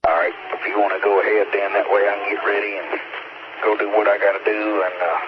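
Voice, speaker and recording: Man, lowish voice, easygoing radio check-in, muffled and hissy transmission. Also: level tone. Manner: casual, halting, many fillers. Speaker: amateur radio storm spotter.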